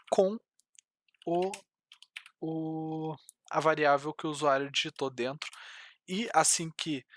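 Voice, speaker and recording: Here the young adult programming tutor from Brazil sounds fairly high and fairly bright, with no room sound. He stumbles through his screen-recorded coding lesson, restarting often and leaning on fillers.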